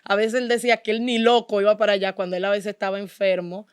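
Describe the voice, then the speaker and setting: A woman from the Dominican Republic, with a Dominican Spanish accent, speaks fast at a medium pitch with fairly even intonation. As an interview guest, she shares her personal testimony in an earnest, devout way. The studio-quality recording is clean, with no room sound.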